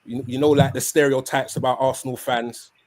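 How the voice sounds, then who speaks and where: A male podcast host speaks in a London roadman accent. His delivery is casual and packed with street slang, often tagging questions onto his phrases. His voice sits at an average pitch. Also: level tone, a little fast, a little hiss or hum. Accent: London roadman, Multicultural London English. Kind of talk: casual slangy football chat.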